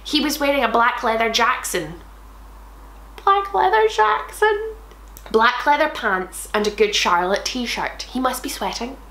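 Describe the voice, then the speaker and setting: A woman's voice: a little high, animated, moderate pace, hardly any pauses, fairly bright tone, reverberant. A woman reading bad fanfiction aloud for comedy, sarcastic asides, laughing and swearing at the text.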